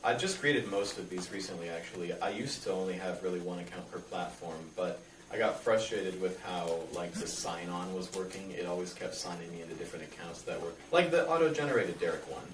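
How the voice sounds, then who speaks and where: A man's voice: sits low, animated, fairly quick. A young adult man being interviewed, explaining things casually in a hesitant, rambling way. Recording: echoey room, distant mic, faint noise.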